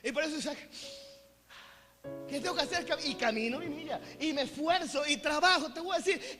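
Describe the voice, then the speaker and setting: A Venezuelan pastor preaching in a church hall. His voice is unusually high and bright, and it rings out with a long echo over faint music. He is lively and playful, and keeps calling out to the crowd between points. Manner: energetic, often calls out "¿aló?" to draw in the congregation; playful, mixes jokes into preaching. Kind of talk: sermon.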